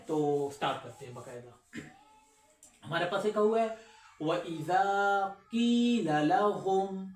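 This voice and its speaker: A man teaching recitation rules, who recites verses slowly and drawn out between quick explanations and asks his students questions. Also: on the high side, echoey room. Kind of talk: recorded lesson with slow recitation.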